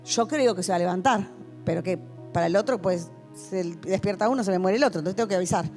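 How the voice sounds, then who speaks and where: A woman's voice: lowish voice, fast talker, a little mellow, faint music behind. A woman pastor with a Rioplatense Spanish accent, giving a passionate testimony sermon to a youth meeting in a church hall. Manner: passionate, vivid storytelling.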